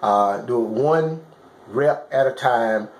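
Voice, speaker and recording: Taking it slowly, a man with a medium-pitched, slightly mellow voice coaches viewers on fitness in casual, colloquial terms. He stresses and repeats his points and often checks for understanding, while the recording sounds roomy and echoing.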